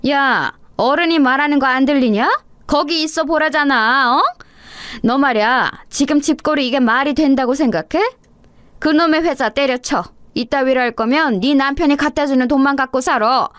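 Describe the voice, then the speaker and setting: A woman voicing a bossy older mother-in-law who yells and scolds her daughter-in-law. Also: high voice, normal speed, no room sound, pitched above the performer's own voice. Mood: furious scolding. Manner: scolding, yelling insults.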